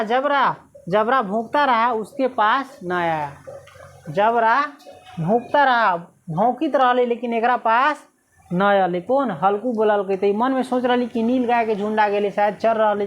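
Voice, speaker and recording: Casting note: fairly high-voiced woman teacher, retelling a story line by line in dialect. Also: a little hiss or hum. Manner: reads a line, then retells it in local dialect with frequent "है ना?". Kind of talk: explaining a Hindi story lesson.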